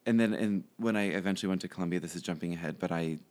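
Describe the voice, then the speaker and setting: A man's voice: sits low, very fast, darkish tone. A young man, a podcast guest, chatting casually and rambling with lots of fillers and restarts. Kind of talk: casual interview chat.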